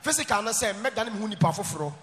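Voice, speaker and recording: A man interprets a sermon at a quick clip in a fairly high, loud voice. A large church hall adds a long reverb, with faint noise underneath. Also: expressive.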